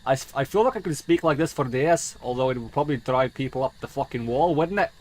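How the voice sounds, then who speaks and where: Fast and expressive, with a mid-range, slightly mellow voice, a man streams video games. His commentary is rambling, full of swearing and theatrical, delivered in a mock accent that he calls dwarvish.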